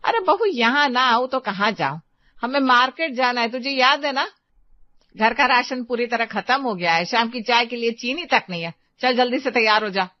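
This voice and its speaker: A woman voicing a nagging elderly mother-in-law in a cartoon, scolding and calling out loudly. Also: on the high side, expressive, normal speed, no room sound, pitched above the performer's own voice, close to an everyday voice. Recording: dry, slightly dull lo-fi sound.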